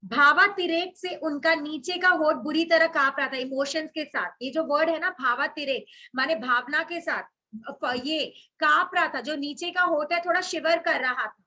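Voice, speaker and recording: A woman's voice: sits high, normal speed, pushed and bright. A woman teacher reading passages from a story aloud and explaining them line by line, mixing in English words. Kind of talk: explaining a Hindi literature chapter to students.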